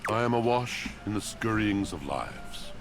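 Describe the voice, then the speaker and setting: A man's voice: lively intonation, measured pace, over music. A man voicing a brooding, melancholy washing machine in a dating sim game, with a villainous voice and a grandiloquent, poetic monologue delivery. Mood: solemn, brooding. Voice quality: deep, villainous voice. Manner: theatrical, grandiloquent dramatic monologue.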